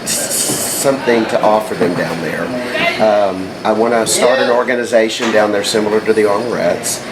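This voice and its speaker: A man's voice: on the low side, steady tone, normal speed, a loud crowd. A middle-aged man speaking casually in an interview as a drag queen, with sassy, campy banter and dry teasing. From southern United States. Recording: very noisy room, loud background noise.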